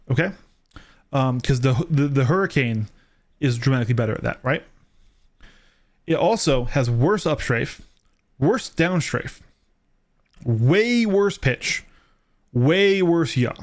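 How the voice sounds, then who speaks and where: A man with a slightly raised voice talks through a live game stream. He explains at an easy, casual pace and keeps checking that his listeners follow along. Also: fairly high pitch. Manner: explains step by step, adds tag questions like "right?" and "okay?".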